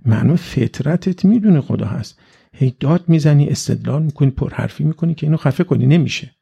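Guy preaching in a casual religious talk, gravelly voice, kinda high, keeps asking the crowd questions. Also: expressive, mellow, dull audio. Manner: rhetorical questions, conversational. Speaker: cleric. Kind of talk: religious lecture.

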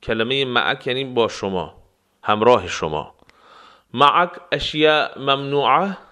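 A man teaching travel phrases, explaining words and repeating them slowly for practice. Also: mid-range voice, lively intonation, sharp tone, clear, resonant tone. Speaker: language teacher. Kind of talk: phrase lesson with slow repetitions.

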